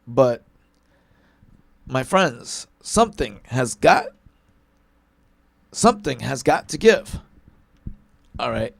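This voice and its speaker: Slow, lively-pitched man lecturing. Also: vocal fry, dry recording. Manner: emphatic, keeps tagging lines with "all right?" and "okay?"; repetitive, hammering one point. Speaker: talk show host. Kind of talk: political commentary monologue.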